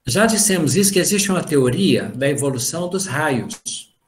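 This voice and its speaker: In an informal spiritual talk delivered over a video call, a middle-aged spiritist study group lecturer recounts family stories and voices the dialogue. He speaks expressively at a moderate pace in a fairly high pitch.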